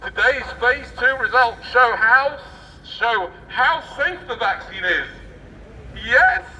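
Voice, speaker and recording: With theatrical, sarcastic mock enthusiasm, a man turns a news reading into satirical street oratory. He speaks slowly in a very high, expressive voice that is bright and forceful. The mic is distant and outdoors, with faint street noise.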